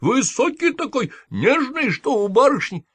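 Man voicing sugary old woman nurse, slow soothing drawl, audiobook, lilting, dry close sound. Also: very high voice, sing-song, a bit bright, slightly rough, dry recording, pitched above the performer's own voice, heavily acted. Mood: coaxing. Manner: soothing, drawn-out, affectionate pet names. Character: old woman nurse, cooing, falsely sweet.

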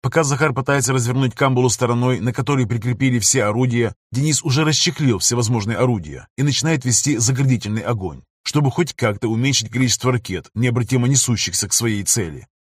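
A man narrating a sci-fi audiobook in a dramatic reading style, also voicing the crew's shouted commands. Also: mid-range voice, fast, few pauses, slightly rough, no echo, clean studio sound.

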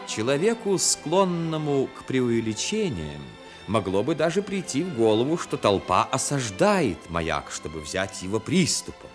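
For a 1960s radio play, a male actor with a medium-pitched voice narrates a New Year tale set by the sea, using a measured, literary manner.

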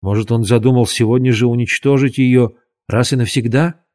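A man voicing an earnest, imaginative boy who talks in quick, hushed, urgent bursts in a storybook reading. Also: mid-range voice, steady tone, natural voice.

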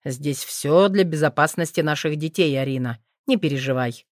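A woman voicing a brooding, remorseful male dragon in an audiobook, speaking low and measured. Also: no room sound, clean studio sound, lightly acted. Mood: calm. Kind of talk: audiobook character reading.

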